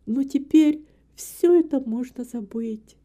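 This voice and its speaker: An earnest young woman pleads fervently in an audiobook, as voiced by a woman reader. Her voice rises a little above the narration. The tone stays dark and mellow. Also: sits high, slow, pitched above the performer's own voice. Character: earnest, tender young woman, a devoted daughter. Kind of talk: audiobook character reading.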